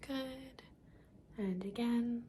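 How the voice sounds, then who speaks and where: A woman in an ASMR role-play as a caring doctor, speaking softly and breathily with gentle reassurance. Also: on the high side, drawn-out words, slight background noise. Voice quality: breathy, soft. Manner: soft-spoken, gentle, reassuring, soft-spoken. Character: caring, reassuring female doctor giving a check-up. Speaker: ASMR performer playing a doctor.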